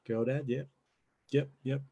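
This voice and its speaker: A man's voice: medium pitch, steady tone, a little slow, warm tone, husky, muffled recording. A man in his thirties, born in New Zealand, a church pastor talking easily about his family and work in a casual interview. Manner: easygoing, laughs often. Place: home, video call.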